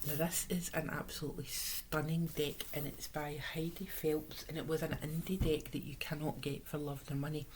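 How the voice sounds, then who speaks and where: A Scottish woman speaks in a low voice made hoarse by a sore, swollen-sounding throat. She chats casually as a tarot reader, drifting into little asides. A light background noise sits behind her. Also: little pitch movement, moderate pace, few pauses, darkish tone, low-quality recording. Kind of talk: casual chatty tarot reading.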